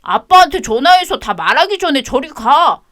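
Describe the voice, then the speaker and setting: A woman's voice: high voice, big pitch swings, normal speed, fairly bright tone, pitched above the performer's own voice. A stubborn, defiant little schoolboy in a radio drama, as a woman puts him on. The voice is pushed far up into a child's register, insistent and pleading. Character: defiant young schoolboy protecting his mother.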